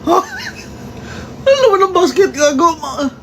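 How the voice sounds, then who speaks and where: High, lively woman bickering defensively. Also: moderate pace, a little hiss or hum. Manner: defensive, swears often, teasing comebacks. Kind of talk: casual bickering with a partner.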